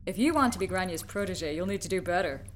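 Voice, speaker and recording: An actress playing a wry, confident ship's medic in an audio drama, with a dry, teasing manner. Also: female voice, lowish voice, expressive, quick pace, soft background music, close to an everyday voice.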